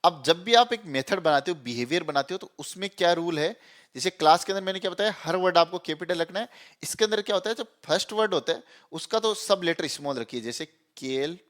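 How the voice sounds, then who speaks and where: A young man explains programming step by step, in a voice pitched a little high. He keeps things conversational, tossing out questions and answering them himself. He fills the gaps with easy check-ins as he types. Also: lively intonation, fast, a bit bright. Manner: chatty, repeats "theek hai" and "chalo"; asks and answers his own questions. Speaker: programming teacher. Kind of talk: screen-recorded coding lesson.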